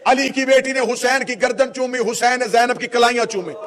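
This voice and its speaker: A man's voice: extremely high pitch, steady tone, fairly bright tone. A man from Pakistan with a Pakistani Urdu accent, giving a mourning sermon in an impassioned style that rises into a tearful, chanting wail. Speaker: preacher.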